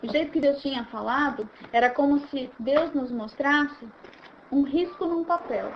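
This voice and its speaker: A woman leading an informal Bible study, animated and acting out scenes as she explains. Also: high-pitched, measured pace, dull audio, a little hiss or hum. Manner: animated, acts out scenes, repeats words while restarting.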